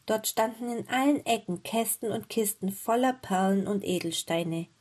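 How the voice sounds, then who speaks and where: A woman reading a fairy tale aloud as storyteller, in a gentle, measured way. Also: mid-range voice.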